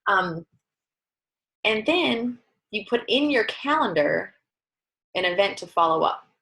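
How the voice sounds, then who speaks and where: A woman giving a casual, upbeat training talk, chatty and lively, often breaking into quoted dialogue. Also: slow pace, a little hiss or hum, low-quality recording. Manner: lively, upbeat, acts out quoted dialogue with sudden high pitch jumps. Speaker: network marketing trainer.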